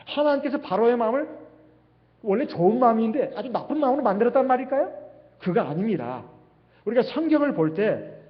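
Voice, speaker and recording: A man preaching a sermon as pastor in a church, asking rhetorical questions as he goes. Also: very high voice. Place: church sanctuary. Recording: dull livestream sound with long hall reverb.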